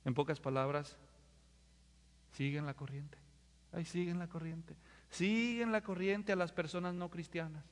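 A pastor preaches in a high, bright voice to his congregation. He keeps asking them questions, pushing them to answer. His words ring out with the long reverb of a big church hall. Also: measured pace, long pauses. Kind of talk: sermon.

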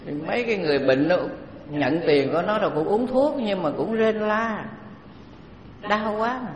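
Man, Buddhist dharma teacher, a bit high-voiced, relaxed teaching pace, echoey hall. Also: highs cut off. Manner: unhurried, conversational teaching with many pauses. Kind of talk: dharma talk sermon. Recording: echoey hall, faint background ambience.

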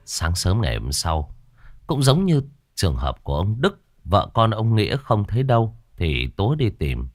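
Man narrating a ghost story with lively swings. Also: on the low side, normal speed, no room sound, clean studio sound. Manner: animated, theatrical.

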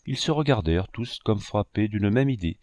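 Guy reading an old novel, lowish voice, dry close mic. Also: no echo. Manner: measured, expressive reading. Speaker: narrator. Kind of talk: audiobook reading.

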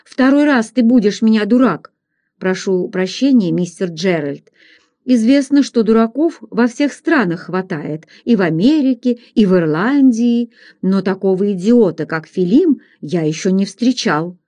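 A woman reading aloud, voicing a gruff, blunt frontier hunter who talks in a low, plain manner. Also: lively intonation, measured pace, mellow, close to an everyday voice.

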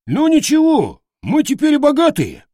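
A man voicing a shrill, hot-headed male red cap goblin who squeals excitably, for an audiobook. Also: moderate pace, no room sound, clean studio sound, exaggerated voice. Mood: shrill mocking.

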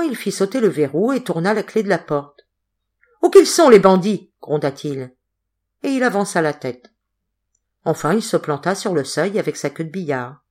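Lady reading an audiobook aloud, lowish voice, steady. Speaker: audiobook reader. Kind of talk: audiobook narration.

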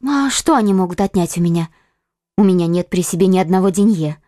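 A woman's voice: on the low side, animated, fast talker, warm tone, no room sound, studio quality, natural voice. A woman playing a young, frightened, secretive woman in an audiobook, speaking in a pleading, evasive way. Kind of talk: audiobook acting.

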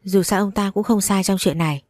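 A woman's voice: medium pitch, a little fast, a little mellow, dry recording, close to an everyday voice. A woman voicing a cold-blooded, arrogant young rich man who speaks with contempt. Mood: contemptuous. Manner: contemptuous, curt.

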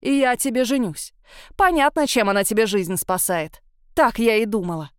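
A woman's voice: mid-range voice, moderate pace, clean tone, dry recording, studio quality, close to an everyday voice. A woman voicing a domineering middle-aged mother who scolds harshly in an audiobook. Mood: scolding.

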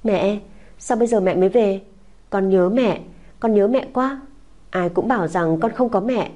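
A woman's voice: mid-range voice, normal speed, mellow, natural voice. A woman voicing a small tearful boy who clings and pleads, in a sobbing, whiny child's voice. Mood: tearful pleading. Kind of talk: audiobook character voice.

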